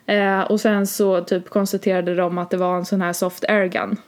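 A woman's voice: medium pitch, level tone. Young woman rambling through a story. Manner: rambling, many fillers like "liksom" and "typ". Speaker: podcast co-host. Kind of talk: casual chat, storytelling.

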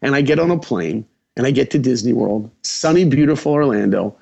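A man from New York, a guest animator, telling his story with lively acted-out dialogue. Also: mid-range voice, fairly quick, creaky, breathy edge.

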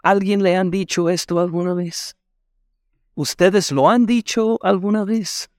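A man's voice: sits high, measured pace, darkish tone, no room sound, studio quality. A man preaching a sermon as a pastor, speaking emphatically and asking the congregation rhetorical questions. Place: church.

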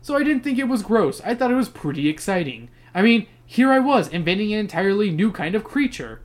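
A podcast host reading the lines of an earnest, sheepish father scientist slowly and with mock gravity. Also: mid-range voice, very animated, voice pushed up, natural voice. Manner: slow, earnest, dramatic delivery with mock gravity.

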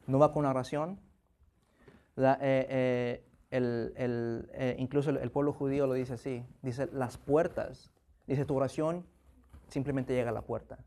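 Halting, earnest Spanish-speaking preacher man. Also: medium pitch, warm tone. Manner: halting, many restarts and repeated "¿verdad?"; acts out prayers with rising intensity.

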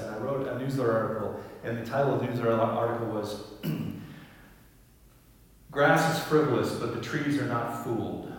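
A man preaching a sermon as pastor, gentle and reflective, often dropping to a soft, quiet voice. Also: medium pitch. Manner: gentle, reflective, drops to quiet near-whispers. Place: large church sanctuary. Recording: echoey hall, voice from far off.

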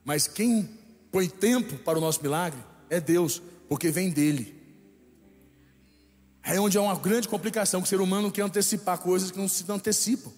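A man with a Brazilian Portuguese accent preaches a sermon as a bishop, speaking emphatically and repeating lines for the congregation to echo. His voice is high with a darkish tone and a moderate pace. The hall is echoey, with faint music.

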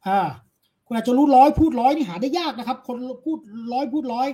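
Male philosophy lecturer guest, rapid-fire, blunt and crude, lectures with confidence. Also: very high voice, mellow. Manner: blunt, uses crude casual speech. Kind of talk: casual chat interview.

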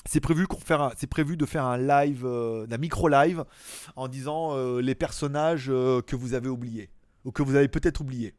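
A man's voice: mid-range voice, moderate pace, darkish tone, no room sound, clean studio sound. A man hosting a live stream, chatting casually and joking as he greets viewers by name and answers their messages.

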